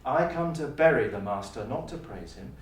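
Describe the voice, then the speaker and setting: A man with a medium-pitched, animated voice speaks at a moderate pace as an auditioning actor, delivering an audition monologue, a pitch, and some casual interview talk. He's in an echoey university room, picked up by a distant mic in very reverberant sound with faint noise.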